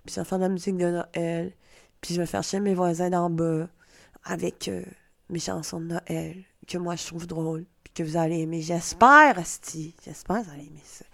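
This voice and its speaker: A middle-aged Québécoise woman hosts a podcast with a Québécois French accent, delivering a chatty, self-mocking casual monologue sprinkled with swearing. Her voice is lowish and creaky yet fairly bright, with a steady tone at a moderate pace.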